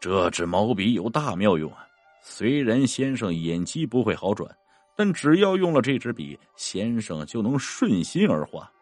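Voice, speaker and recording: A deep, commanding ghost general of the underworld, as a storyteller puts him on, grave and unhurried. His tone stays dry and close, with the pitch swinging widely across each sentence. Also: big pitch swings, darkish tone, dry recording, faint music behind. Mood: cold. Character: cold stern male ghost general from the underworld.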